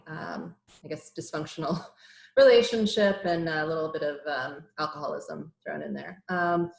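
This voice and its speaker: Slow, low-voiced woman reading poems. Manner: measured, hesitant introductions with many fillers. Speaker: poet. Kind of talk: poetry reading with short introductions. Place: home room on a virtual reading call. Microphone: computer mic on a video call. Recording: roomy echo.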